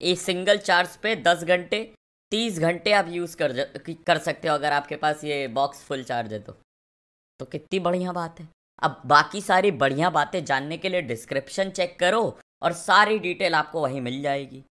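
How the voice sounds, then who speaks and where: A man's voice: a little high, moderate pace, bright, forceful tone. A young man streaming a game and doing sponsored commentary, with crude, rowdy, teasing banter. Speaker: gaming streamer.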